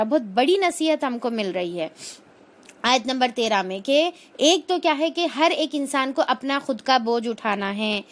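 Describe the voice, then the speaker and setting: A woman giving a religious lesson, explaining verses with everyday examples and frequent filler phrases. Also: a little high. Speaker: Quran teacher.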